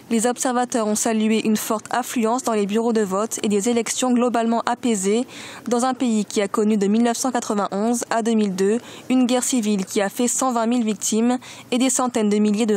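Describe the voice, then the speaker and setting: A woman correspondent narrating a news report voice-over in a clear, steady manner. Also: a little high.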